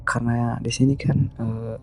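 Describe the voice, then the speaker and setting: A man from West Java, telling his own horror story in an unhurried, hesitant way with many pauses. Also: medium pitch, flat delivery, vocal fry. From West Java, Indonesia. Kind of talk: first-person horror story narration.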